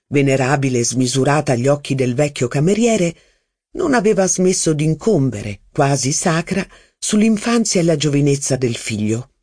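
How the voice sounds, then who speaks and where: Narrator for a literary audiobook: animated, varied intonation, dry close studio sound. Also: medium pitch, husky, no room sound. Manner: expressive, measured reading with lively phrasing.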